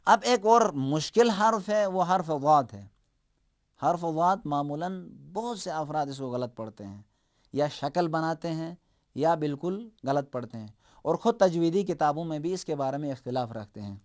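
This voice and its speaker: A man gives a tajweed lesson in a somewhat raised voice. He explains steadily, then stretches example words out slowly and loudly so learners can copy them. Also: on the high side, animated. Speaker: Quran recitation teacher.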